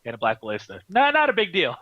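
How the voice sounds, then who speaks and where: A man doing live card game commentary, excitable, laughing often and restarting his sentences. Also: high voice, quick pace, muffled recording.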